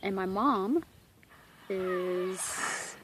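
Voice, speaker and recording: A woman recording a casual, rambling video diary as a fitness vlogger, relaxed and affectionate, speaking outdoors into a handheld camera. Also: mid-range voice, very slow. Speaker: vlogger giving a daily fitness update. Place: outdoors at a horse property, sitting on the ground. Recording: noisy outdoor amateur recording.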